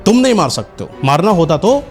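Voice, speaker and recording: A man's voice: high-pitched, very animated, fairly quick, darkish tone, faint music behind, pitched above the performer's own voice. A man voicing the grieving ghost of a mother in a told horror story, speaking with anguished, reproachful pleading.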